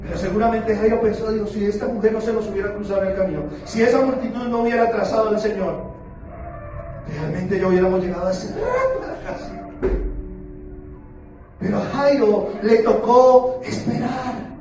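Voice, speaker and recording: A man preaching a sermon as pastor, playful and questioning, slowing down for emphasis. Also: high voice, lively intonation, a little mellow. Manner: playful, asks the congregation questions, slows down for emphasis. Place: church sanctuary. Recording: very echoey church hall, far from the mic, with music behind.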